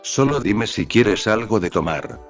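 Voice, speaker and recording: A man voicing a tired, curt adult man who speaks in short, flat sentences. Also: lowish voice, a little slow. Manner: terse, flat. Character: weary, curt adult man, terse guardian. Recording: slightly dull audio with faint background music.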